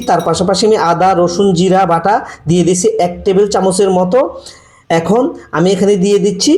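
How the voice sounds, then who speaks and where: A man giving slow, repetitive step-by-step cooking instructions for a recipe. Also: sits high, a little mellow. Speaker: cooking channel host. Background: frying and sizzling from the pan.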